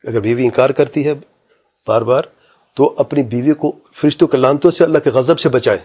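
Male cleric, husky dark voice, emphatic lecture with recited verses. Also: mid-range voice. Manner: emphatic, quotes Quranic Arabic, rhetorical questions. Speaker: Islamic scholar answering a question. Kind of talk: religious lecture.

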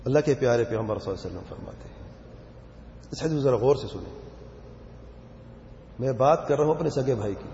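A man's voice: mid-range voice, animated, pauses often, dark tone, a little hiss or hum. A man preaching a sermon, speaking emphatically and pressing his listeners with rhetorical questions. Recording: echoey hall, dull lo-fi sound.

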